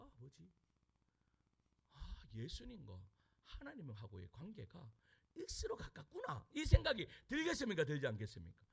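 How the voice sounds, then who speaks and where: A male pastor preaching a sermon, asking his congregation questions and answering them himself, dropping to hushed asides and rising to shouted lines. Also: extremely high pitch, breathy edge.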